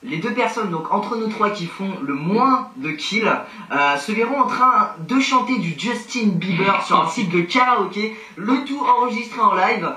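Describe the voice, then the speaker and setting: Bright, high-voiced young man vlogging. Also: animated, far from the mic. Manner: chatty, joking, quick asides. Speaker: youtuber. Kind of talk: casual vlog and gameplay commentary. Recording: echoey room with music behind.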